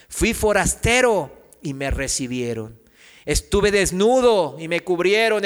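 A male preacher teaches from scripture in a high, bright voice. He quizzes his congregation with questions and answers them himself. His voice rings out through a hall with long reverb. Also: clean tone. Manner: reads scripture aloud, raising his voice for quoted cries. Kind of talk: sermon teaching.

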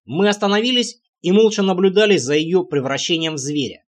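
A man tells a medieval fantasy story in the first person, in a measured audiobook reading. His voice sits a little high for a man. He reads the characters' lines himself and only shifts his delivery slightly for them. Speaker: audiobook narrator.

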